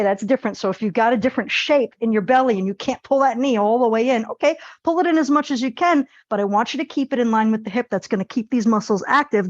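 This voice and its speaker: A lively woman with a slightly high voice leads an exercise class. She instructs directly and chats with animated humor. The sound is close and dry, though somewhat dull and lo-fi. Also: dry recording. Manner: direct, plain-spoken coaching.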